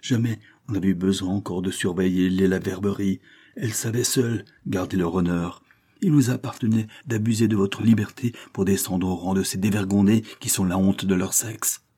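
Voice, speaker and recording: Un homme jouant une comtesse furieuse. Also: male voice, low-pitched, fairly even intonation, normal speed, slightly rough. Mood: furious. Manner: shouting, scornful, wrathful tirades. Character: furious proud aristocratic older countess.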